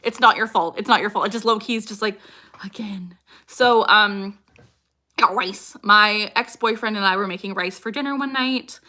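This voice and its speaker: At a moderate pace, a young woman with a medium-pitched, sharp-toned voice chats casually on a livestream, answering questions from viewers. She stays upbeat and laughs often, while sudden vocal tics keep breaking her sentences.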